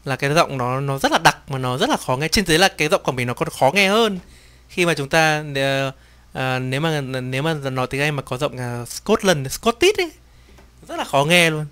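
Over game music, a male streamer with a slightly high, clear, resonant voice voices the characters' lines playfully as he plays. Between lines he adds his own comments in a relaxed, excitable chat, swearing and laughing readily.

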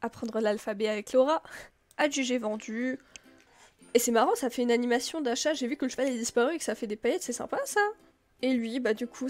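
Chatty higher-voiced woman gaming. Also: a little mellow. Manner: chatty and rambling, full of filler words. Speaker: gameplay video creator. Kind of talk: casual gameplay commentary.

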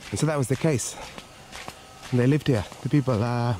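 Strolling the resort's garden paths outdoors, this Sri Lankan vlogger narrates from behind a handheld camera in a relaxed, talkative way, circling back to the same points often. His mid-range voice is mellow and a little quick, with background noise clearly audible.

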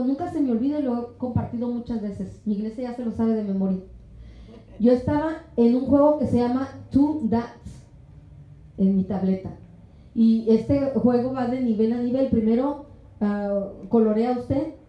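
A woman preaching a sermon at a women's conference in a church hall, animated and often acting out the voices she quotes. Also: a little high, highs cut off. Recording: echoey room.

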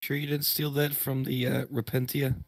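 Male player, mid pitch, dry sound, talkative and quick to laugh. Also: level tone, creaky, no echo. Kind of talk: tabletop role-play.

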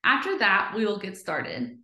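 A woman teaching young children a phonics lesson, cheerful and encouraging, sounding out letters slowly and clearly. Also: medium pitch, wildly swooping pitch, bright, forceful tone, echoey room.

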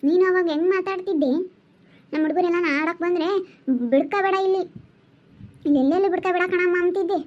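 A sharp-tongued village mother, played by a woman, fires off accusing questions in a high, fast, shrill voice. The sound is dull and lo-fi, like a cheap home recording. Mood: scolding. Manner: shrill, scolding, rapid-fire questions. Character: angry, scolding village mother. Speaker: mother of the household. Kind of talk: village family drama acting.

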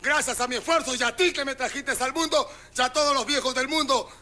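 A man with a Peruvian accent doing a stand-up comedy routine, loudly mock-scolding and teasing audience members on a television set. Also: extremely high pitch, a little fast. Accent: Peruvian Spanish. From Peru. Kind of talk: street-style comic routine with the audience. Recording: loud crowd and noise behind the voice.

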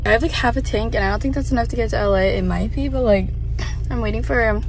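A woman's voice: fairly high pitch, fast, creaky. A young woman vlogging in a casual, chatty way, often trailing off into murmurs. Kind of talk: casual vlog chat. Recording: loud music and crowd noise behind.

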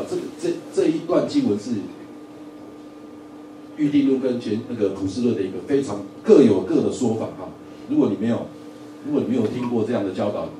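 A man teaching a Bible lesson in a church Sunday school, lively, often asking the audience questions and joking. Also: medium pitch, a little hiss or hum. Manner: lively, asks the audience questions, repeats words, jokes. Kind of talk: sermon-style Bible lesson. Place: church hall. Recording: echoey room from a distance, faint ambience.

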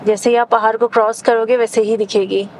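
A woman's voice: on the high side, flat delivery, brisk, darkish tone, a little hiss or hum, low-quality recording. A woman in her thirties, hosting a travel vlog. She chats casually from inside a car and points out sights along the road. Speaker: travel vlogger.

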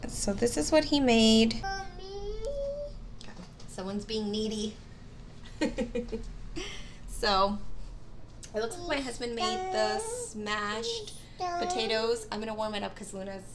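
Slow and creaky with big pitch swings and frequent pauses, this slightly high voice belongs to a thirtysomething mom vlogging into an arm's-length phone camera. She rambles through her day at home and in the car, with fillers and small laughs over a noisy background.

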